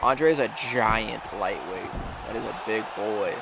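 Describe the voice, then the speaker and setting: A man's voice: lowish voice, unhurried, creaky, heavy background noise. A man giving sports commentary, introducing fighters and calling the action.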